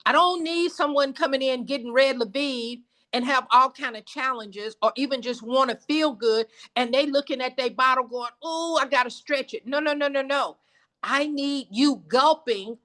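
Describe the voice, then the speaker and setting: A woman in her seventies drives a team meeting with a sermon-like rhythm, repeating her lines for emphasis. Her voice runs a little high and bright. She sounds like she is talking into a computer on a video call. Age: 70s. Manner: emphatic, repetitive, preacher-like cadence. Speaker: business team leader. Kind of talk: motivational sales call.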